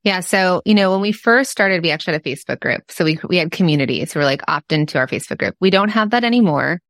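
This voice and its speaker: A woman's voice: on the low side, animated, fast, no echo, studio quality. A woman with a Californian Valley Girl accent, chatting candidly and informally as a podcast guest. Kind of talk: casual interview chat.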